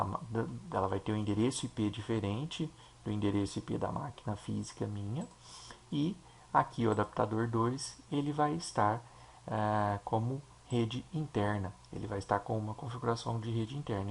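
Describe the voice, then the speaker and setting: A man with a Brazilian Portuguese accent, a teacher explaining a software installation step by step and checking in with his listeners. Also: lowish voice, vocal fry, a little hiss or hum. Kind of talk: screen-recorded software tutorial.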